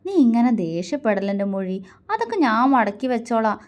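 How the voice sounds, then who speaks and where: A woman's voice: fairly high pitch, big pitch swings, brisk. A woman voicing a playful coaxing husband. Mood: teasing. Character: affectionate teasing young husband.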